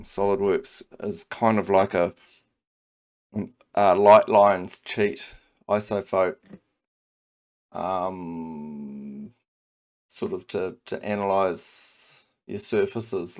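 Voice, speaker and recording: A New Zealand man with a low, even voice tutors CAD design in a screen-recorded software lesson. He is relaxed and thinks aloud, with lots of ums and restarts.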